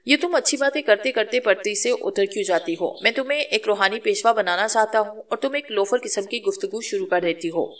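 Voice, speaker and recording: A woman's voice: mid-range voice, hardly any pauses, a bit bright, distant mic, natural voice. A woman voicing a stern, pious male jinn elder who scolds and preaches. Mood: scolding.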